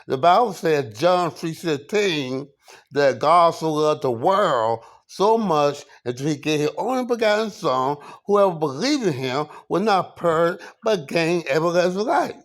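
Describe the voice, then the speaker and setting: A man delivering a personal monologue, halting with many fillers and repeated words, preaching with rhetorical questions. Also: fairly high pitch, expressive.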